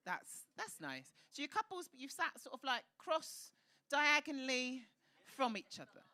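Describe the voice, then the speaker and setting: A man with a high-pitched voice hosting a live stand-up night, teasing the crowd with cheeky, camp, sweary banter on a comedy club stage. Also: very animated, moderate pace, sharp tone. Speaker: comedy host.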